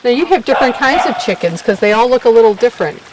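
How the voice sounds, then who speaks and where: A woman's voice: fairly high pitch, animated, quick pace, noisy background. A woman interviewing local growers, asking encouraging questions.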